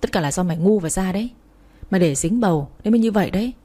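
A woman's voice: lowish voice, animated, racing, warm tone. A woman voicing a contemptuous, abusive husband with curt, insulting lines.

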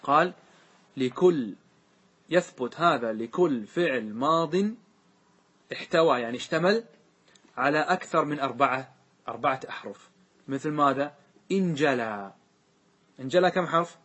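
A man's voice: medium pitch, animated, normal speed, pauses often, fairly bright tone, husky. A man teaching a grammar lesson, asking the class questions and repeating the answers to them. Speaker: teacher explaining grammar verses.

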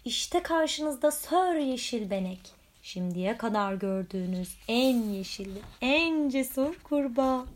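Woman reading a children's story aloud. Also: on the high side. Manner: lively, expressive storytelling. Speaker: storybook reader.

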